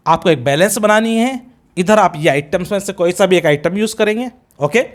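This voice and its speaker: A middle-aged man with an Indian accent teaching a grammar lesson in a classroom, drilling example sentences slowly and deliberately as he mixes Hindi and English. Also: high voice, lively intonation. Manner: switches between Hindi and English.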